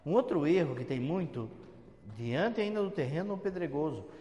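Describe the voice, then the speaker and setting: A Brazilian priest gives a homily in a chatty, teasing manner and imitates his parishioners. His voice sits a little high. It rings out with the long echo of a church. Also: expressive, moderate pace, warm tone. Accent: Brazilian Portuguese. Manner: conversational, teasing, mimics churchgoers.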